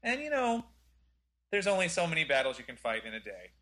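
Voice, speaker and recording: A man's voice: on the high side, wildly swooping pitch, a little fast, bright, forceful tone. A man from Tennessee, a film critic guesting on a podcast, chatting casually and joking. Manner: playful, jokey storyteller. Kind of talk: casual chat.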